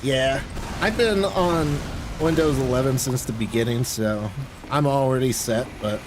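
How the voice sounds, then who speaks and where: His mid-range voice moves a little slowly as this streamer keeps up casual, offhand chatter during a game. The background is full of clear video game noise.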